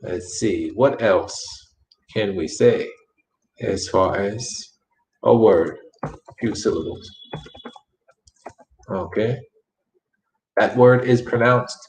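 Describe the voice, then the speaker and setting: A man teaching English in a language lesson, speaking slowly and repeating words with careful enunciation. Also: fairly low pitch, darkish tone. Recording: echoey room.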